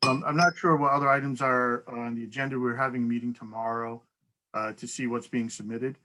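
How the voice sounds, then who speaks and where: A man with a bright, forceful tone runs a town council public hearing over a video call. He lays out the procedures in an easygoing way, with light laughs here and there. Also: mid-range voice, steady tone, fairly quick, a little hiss or hum, rough recording. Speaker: council meeting chair.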